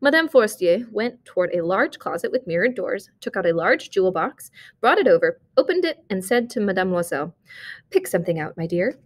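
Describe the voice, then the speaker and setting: A woman reading a short story aloud, narrating in a measured, expressive way. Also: medium pitch. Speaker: reader.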